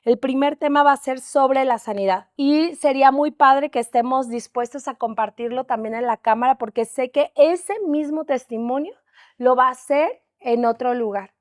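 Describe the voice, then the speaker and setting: Woman, high voice, dry close sound, encouraging host of a faith chat. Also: normal speed, no echo. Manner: encouraging, prompting others to share. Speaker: host leading a testimony session.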